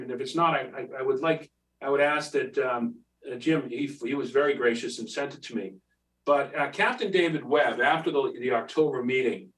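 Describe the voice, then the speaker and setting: A man's voice: mid-range voice, recorded from a distance, rough recording. Man arguing at a town board meeting. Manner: heated, repetitive, many fillers and restarts. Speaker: public commenter at a planning board hearing. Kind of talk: public comment at a town meeting.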